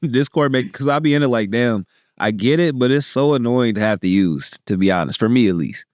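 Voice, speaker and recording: A man's voice: mid-range voice, fairly quick, no room sound. Guy podcast host, casual street slang, joking and cussing, dry close sound. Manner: animated joking, heavy slang and swearing.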